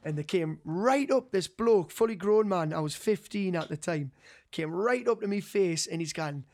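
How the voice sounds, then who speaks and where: A man's voice: high voice, normal speed. A young man with a Geordie accent telling an anecdote casually to friends, slangy and sweary, acting out what people said. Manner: sweary, slangy, animated storytelling that acts out quoted dialogue.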